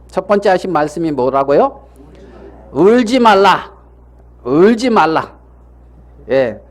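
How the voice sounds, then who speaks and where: A man's voice: sits high, a little mellow. A man preaching a sermon as pastor, asking the congregation rhetorical questions and repeating key phrases.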